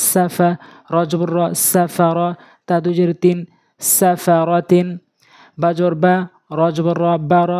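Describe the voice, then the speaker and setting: A man teaching Quran reading, spelling out syllables in a slow, sing-song drill. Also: high voice, warm tone, no echo.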